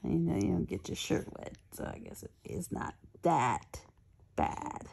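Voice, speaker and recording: A young woman, a new mother, talking baby talk to her infant in a soft cooing voice that often drops to a whisper. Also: low voice, very animated, unhurried, gravelly, slightly rough.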